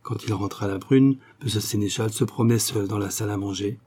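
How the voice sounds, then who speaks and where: A man's voice: on the low side, fairly quick, dark tone, breathy edge. A man reading a novel aloud as an audiobook narrator, voicing the dialogue lightly in his own voice.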